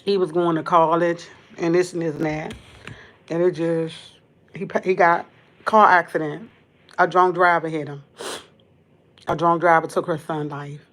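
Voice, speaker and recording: A tearful woman hosts a livestream, speaking straight to a camera. Her talk is halting and earnest; she repeats her words and circles back as she fights back tears. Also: lowish voice, fairly even intonation, fairly bright tone. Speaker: livestream host. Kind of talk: emotional livestream monologue.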